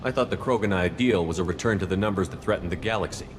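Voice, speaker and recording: A stern military commander, played by a man in a video game. His low voice is measured and matter-of-fact, ringing with long reverb over clearly noisy ambience. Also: close to an everyday voice. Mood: measured, challenging.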